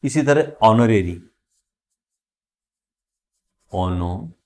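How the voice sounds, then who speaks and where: A man teaching an English grammar lesson, slowly drawing out each example word as he explains it. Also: on the low side, animated, a little mellow. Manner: slow, drawn-out spelling of example words.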